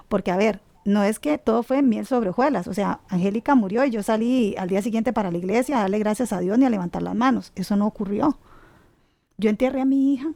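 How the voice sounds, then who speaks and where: Woman, middle-aged, mellow dark tone, personal testimony, devout. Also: on the high side, gravelly, dry recording. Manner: earnest, devout, with many restarts and tag questions. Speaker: guest sharing a grief story.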